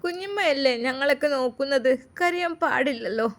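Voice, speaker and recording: A woman's voice: high-pitched, lively intonation, fairly quick. A woman doing an insistent little girl. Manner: insistent, childlike. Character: small girl, insistent and innocent.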